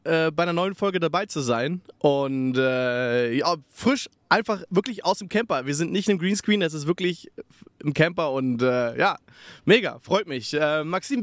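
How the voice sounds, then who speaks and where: A man's voice: on the high side, fairly bright tone, no room sound. A young man co-hosting a podcast from a camper van, chatting casually and upbeat, full of fillers and restarts. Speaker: podcast co-host. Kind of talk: casual chat. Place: inside a camper van at a festival.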